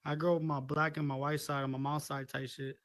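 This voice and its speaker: A man's voice: fairly high pitch, level tone, fast, a bit bright, no echo, studio quality. An American man chatting casually, slangy and profane, repeating himself as he goes. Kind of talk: casual chat.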